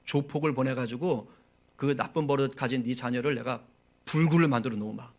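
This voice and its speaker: God talking plain and blunt, a pastor doing the voice, fatherly, kinda gravelly. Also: mid-range voice, fairly quick, close to an everyday voice. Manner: casual, blunt reassurance.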